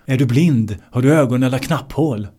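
A man voicing an angry man who shouts sharp, scolding insults in an example story. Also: medium pitch, natural voice.

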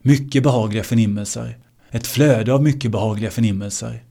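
Dark, measured male meditation teacher. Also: medium pitch, fairly even intonation, vocal fry. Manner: slow, measured and repetitive, dwelling on key words. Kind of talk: spiritual teaching talk.

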